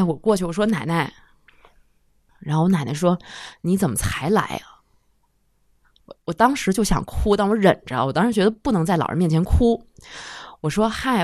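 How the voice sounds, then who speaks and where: A woman in her thirties, a guest on a talk show, telling an emotional personal story in a halting, heartfelt way. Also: lowish voice, no echo, studio quality. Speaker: guest listener.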